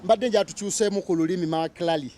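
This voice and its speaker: A Ugandan man with a notably high voice works as a market reporter. He interviews playfully, with exclamations and words repeated for emphasis. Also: fast, dark tone, a little hiss or hum. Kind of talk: animated on-location interviewing. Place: busy community market.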